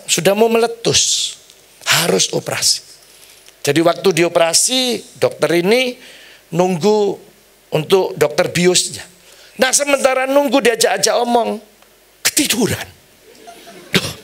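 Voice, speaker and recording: A middle-aged man preaching a sermon, telling stories with lively, acted-out voices. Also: high voice, vocal fry. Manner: animated storytelling preacher, acts out quoted voices. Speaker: pastor.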